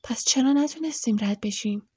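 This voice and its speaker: A woman doing a calm, sensible boy wizard. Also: mid-range voice, dry recording, clean studio sound, close to an everyday voice. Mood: hushed. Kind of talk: audiobook character voice.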